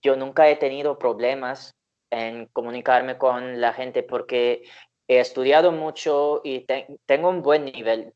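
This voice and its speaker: A man with an Indian accent hosting a casual interview and asking measured, careful questions. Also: medium pitch, a little mellow, clear, resonant tone, muffled recording. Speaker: interviewer, channel host. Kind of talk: casual interview over a call.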